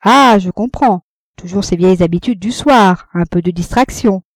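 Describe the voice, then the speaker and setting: A woman's voice: medium pitch, moderate pace, no echo, natural voice. A woman reading the lines of an ardent, bitter young man in a storybook, in an impassioned, pleading way. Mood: ironic.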